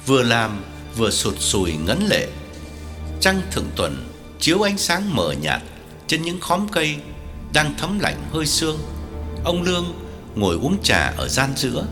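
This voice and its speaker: A man narrating an audiobook story with a lively, wide-ranging delivery. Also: medium pitch, long reverb tail. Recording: soft music underneath.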